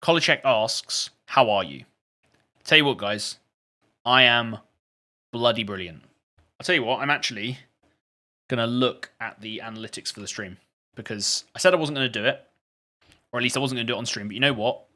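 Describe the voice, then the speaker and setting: A man's voice: mid-range voice, a little fast, long pauses, bright, forceful tone. A man chatting casually on a live stream, reading out and answering viewer questions. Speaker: gaming streamer.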